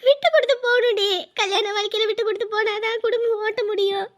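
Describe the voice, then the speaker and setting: A grieving older mother from a village family drama, played by an actress, whose scolding keeps breaking into tearful pleading. Her voice sits very high and the words come fast. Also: steady tone, highs cut off. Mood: distraught.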